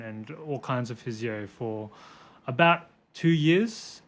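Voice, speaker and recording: Chatty young Australian man. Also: medium pitch. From born in Hong Kong, raised in Brisbane, Australia. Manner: chatty, laughs easily, self-deprecating asides. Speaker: physiotherapist guest. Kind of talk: casual podcast chat.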